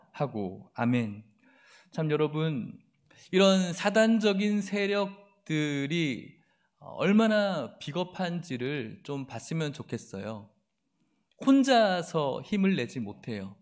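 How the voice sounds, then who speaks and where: A man preaching a sermon as pastor, asking the congregation emphatic questions and acting out the mocking taunts of enemies in a sharper voice. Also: fairly high pitch. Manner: reads scripture aloud slowly.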